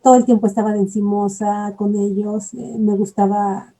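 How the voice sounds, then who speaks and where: A woman's voice: medium pitch, little pitch movement, moderate pace, mellow, rough recording. A woman giving an earnest, reflective personal testimony, often repeating herself as she searches for words. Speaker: bereaved mother giving testimony.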